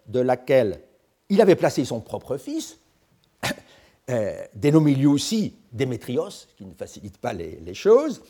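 Older male lecturer, mellow husky voice, lively intonation, halting formal delivery. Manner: measured, lively pitch with frequent hesitations. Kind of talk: academic history lecture.

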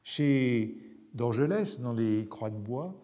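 A man giving a literature lecture, speaking deliberately with pauses and hesitations, and reading passages aloud. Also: medium pitch, lively intonation, mellow. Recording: long hall reverb.

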